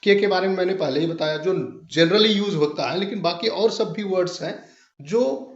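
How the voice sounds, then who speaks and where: A man explaining a literary term in a lesson, slowly spelling words out letter by letter. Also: sits high. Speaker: English literature teacher. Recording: echoey room, dull lo-fi sound.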